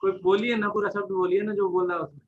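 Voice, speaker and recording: A man's voice: sits high, flat delivery, fast, muffled recording. A man hosting a casual group discussion, prompting the others encouragingly. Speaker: discussion host.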